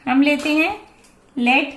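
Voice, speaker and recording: Indian woman teacher in her forties, slow and patient, recorded in an echoey room. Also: high voice, fairly even intonation, fairly bright tone. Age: 40s. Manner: slow, patient explaining that mixes Hindi and English. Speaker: math teacher. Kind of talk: classroom lesson explaining a math problem.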